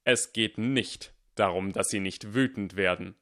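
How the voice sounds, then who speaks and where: A man voicing a stern, cunning male teacher who speaks calmly, deliberately and firmly. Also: lowish voice. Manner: calm, deliberate and firm.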